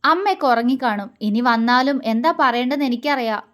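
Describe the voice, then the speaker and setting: A woman reading aloud voices a young man in a romance story, who speaks gravely and then tenderly to the woman he loves. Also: a little high, expressive, quick pace, fairly bright tone. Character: young man, stern but tender lover.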